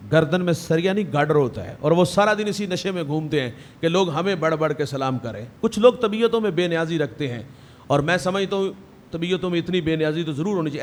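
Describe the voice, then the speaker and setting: Impassioned higher-pitched male preacher. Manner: emotive, rhythmic preaching, dramatizing quoted voices. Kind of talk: Urdu religious sermon with storytelling.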